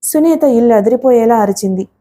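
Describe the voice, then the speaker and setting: A woman's voice: a little high, lively intonation, brisk, warm tone. A woman narrating a novel as a scripted audiobook reading.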